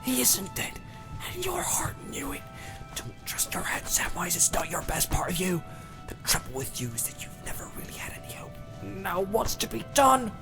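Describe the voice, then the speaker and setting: A man voicing a hobbit's scolding inner voice, hushed and whispery. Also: high-pitched, big pitch swings, moderate pace, gravelly, over music, pitched above the performer's own voice, exaggerated voice. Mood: reproachful.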